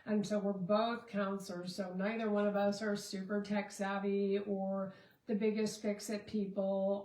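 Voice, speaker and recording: A woman's voice: mid-range voice, darkish tone, roomy sound, low-quality recording. A middle-aged woman, a relationship and marriage coach, talking casually and rambling with many fillers and restarts. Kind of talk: casual Facebook Live talk.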